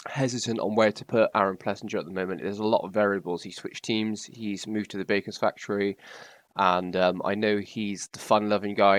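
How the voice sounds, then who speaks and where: A young man with a British accent talks through his predictions with eager, chatty energy and plenty of ums. His voice sits fairly low, and the recording is dry and close, with little sound of the room. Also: no echo. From Britain. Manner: chatty and enthusiastic, with frequent ums. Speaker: YouTuber. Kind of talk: casual vlog commentary.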